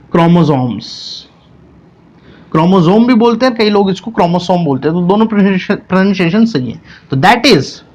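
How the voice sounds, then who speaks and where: A man with an Indian accent teaching a science lesson online, asking each point back as a question and repeating it. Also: high voice. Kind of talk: online class lecture.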